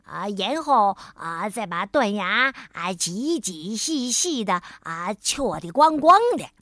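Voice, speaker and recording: A woman's voice: medium pitch, animated, takes it slowly, fairly bright tone, no echo, studio quality, pitched below the performer's own voice. A woman voicing a cheerful, proud male beaver dentist in a children's story, drawling with many fillers. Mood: explaining. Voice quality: drawling, filler-heavy speech.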